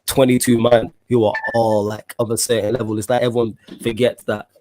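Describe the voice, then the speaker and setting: A man's voice: mid-range voice, little pitch movement, fairly quick, warm tone, slight background noise. A man with a London roadman accent and slang-heavy street delivery, hosting a casual football podcast. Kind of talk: casual chat.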